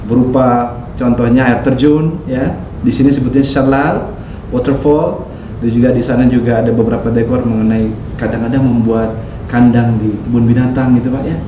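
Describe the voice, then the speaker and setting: A man's voice: mid-range voice, steady tone, normal speed. A man hosting a casual interview vlog, chatty and laughing often, with many fillers. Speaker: vlog host interviewing a guest. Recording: roomy, distant, faint noise.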